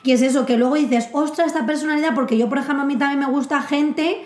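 A woman's voice: high-pitched, steady tone, fast, a little mellow. A young woman talking in a casual chat among friends, chatty and slangy, often correcting herself. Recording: echoey room.

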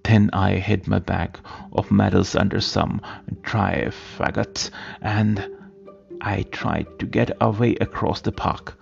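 Man, low gravelly voice, halting audiobook narration, repeats words, dull recording. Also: fairly even intonation, faint music behind. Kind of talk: audiobook reading of a period story.

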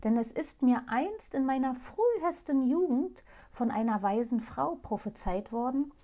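A woman's voice: high voice, animated, unhurried, voice pushed up. A sorrowful enchanted owl princess, as a woman reads her. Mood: hopeful pleading. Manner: plaintive, gentle, old-fashioned formal speech. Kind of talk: fairy tale reading.

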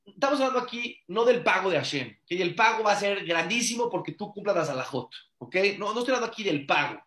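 High-voiced man teaching in echoey room. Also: lively intonation, quick pace, fairly bright tone. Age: adult father. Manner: earnest, repeats phrases for emphasis, many rhetorical questions. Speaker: rabbi teaching a class. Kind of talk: conversational religious teaching.

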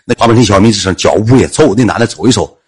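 A man with a Northeastern Chinese accent telling a comic story in a lively, colloquial way. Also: fairly low pitch, very fast, husky. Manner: lively, colloquial, acts out voices.

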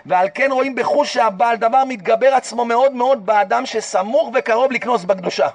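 A man's voice: very high-pitched, no room sound, recorded from a distance. A man giving a passionate Torah sermon as a rabbi, urging his listeners on with repeated calls and rhetorical questions. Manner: impassioned, repetitive exhortation with rhetorical questions.

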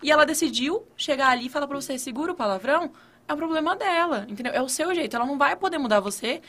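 A woman's voice: high-pitched, lively intonation, racing, a bit bright. A woman in casual chat, speaking emphatically and swearing casually. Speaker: online entrepreneur and teacher.

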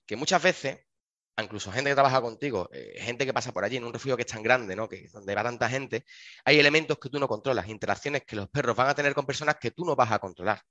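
A man talks quickly and casually about his shelter work, acting out the dialogue of his stories. His voice sounds dry and close, with a slightly dull, lo-fi tone. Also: medium pitch, no room sound. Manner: animated, acts out dialogue in his anecdotes. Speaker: dog shelter worker. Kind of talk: casual chat, storytelling.

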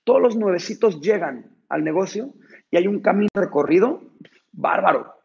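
Guy giving a motivational talk, repeats himself for emphasis, creaky husky voice, dull lo-fi audio. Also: sits high, lively intonation. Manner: emphatic, repetitive, deliberate. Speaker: motivational speaker addressing a team. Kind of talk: motivational talk with a told story.

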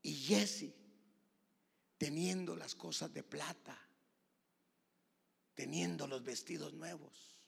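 A man preaching a sermon, swinging between shouted passages and hushed whispers, calling the listener "brother" again and again. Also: on the high side, slow pace, creaky, long pauses, husky. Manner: repeats "hermano" constantly. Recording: long hall reverb.

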